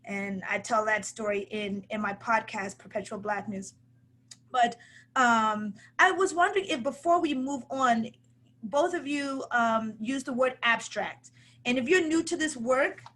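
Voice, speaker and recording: A woman hosting a livestream conversation, asking her guests questions with soft fillers. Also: a little high, measured pace. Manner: interviewer, asks questions gently with fillers. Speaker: host.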